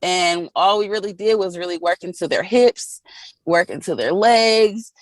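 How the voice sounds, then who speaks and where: A woman's voice: on the low side, a little slow, no room sound. Chatty female massage therapist, dry close sound. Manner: animated storytelling, acting out quotes; laughs often while talking. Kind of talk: casual interview chat.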